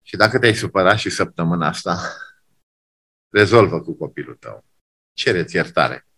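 A man preaching a sermon, swinging between loud exclamations and hushed emphasis, repeating key phrases. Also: low-pitched, expressive, husky.

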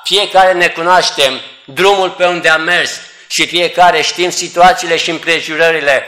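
A man's voice: on the high side, sharp tone. A man preaching a church sermon, earnestly addressing the congregation as beloved. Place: church assembly hall. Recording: echoey hall.

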